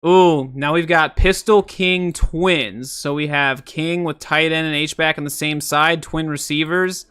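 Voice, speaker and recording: A man's voice: on the high side, steady tone, measured pace, hardly any pauses, a bit bright, smooth. A man casually breaking down football game film, thinking aloud with frequent fillers and exasperated outbursts.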